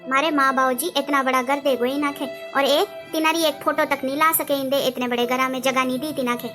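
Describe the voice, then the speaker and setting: A woman's voice: sits high, fairly even intonation, brisk, over music, close to an everyday voice. A woman playing a hurt young sister who complains about how she is treated at her childhood home. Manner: complaining, wounded.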